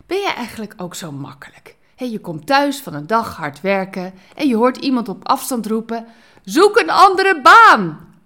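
A woman hosting a devotional podcast, speaking expressively and switching between lively and hushed phrasing, ending with a prayer. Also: a little high, normal speed, hardly any pauses.

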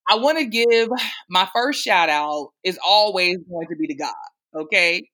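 This is a woman hosting a casual podcast, with a bright, forceful tone. She chats in a teasing, lively way and laughs often. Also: on the low side, unhurried. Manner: playful, teasing, animated with laughs. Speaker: podcast host. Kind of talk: casual chat.

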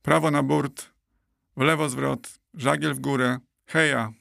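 A man voicing a cheerful, excitable male guinea pig in an audiobook, exclaiming playfully. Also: mid-range voice, moderate pace, gravelly, no echo, clean studio sound.

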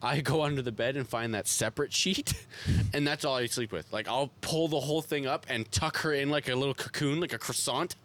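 A young man co-hosting a podcast, telling stories in a relaxed, joking way. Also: mid-range voice, fairly quick. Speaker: podcast co-host. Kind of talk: casual chat.

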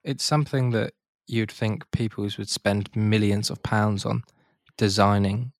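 Male co-host, steady presenter with dry humour, dry close sound. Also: fairly low pitch, a little slow, no room sound. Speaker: podcast co-host. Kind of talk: casual chat.

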